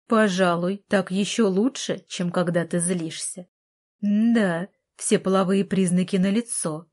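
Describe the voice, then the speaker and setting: A woman's voice: mid-range voice, steady tone, measured pace, darkish tone, close to an everyday voice. A woman voicing a smug mocking wheelchair-bound doctor. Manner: teasing, smug. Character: sarcastic mocking young man in wheelchair, a doctor.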